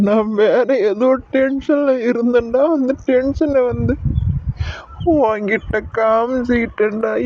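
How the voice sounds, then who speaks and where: A man's voice: very high-pitched, lo-fi sound, a little hiss or hum. A man voicing a remorseful young police husband who searches frantically for his wife and begs her forgiveness in a cartoon drama. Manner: pleading, apologetic. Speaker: husband character.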